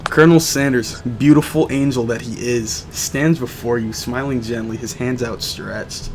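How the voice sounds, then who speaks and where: A man's voice: medium pitch, steady tone, moderate pace, noisy background. A man streaming a game playthrough, casually joking and reading the on-screen narration aloud in a playful way.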